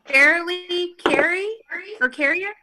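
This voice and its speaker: A woman on a video call reading out a roll of names slowly and carefully, with apologetic asides. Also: very high-pitched, background noise. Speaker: meeting roll-call reader.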